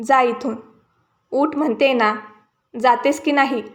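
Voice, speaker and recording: A woman's voice: high-pitched, slow pace. A woman voicing a proud queen who scornfully drives an old woman away. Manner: shouting, contemptuous. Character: arrogant rich queen, harsh and scornful.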